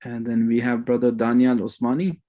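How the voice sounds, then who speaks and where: Guy teacher on a video call, chatty, rambly, average pitch, greeting his class. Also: level tone, moderate pace, mellow. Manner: chatty, rambling, sprinkles religious phrases. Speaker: course instructor. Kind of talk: casual chat greeting an online class.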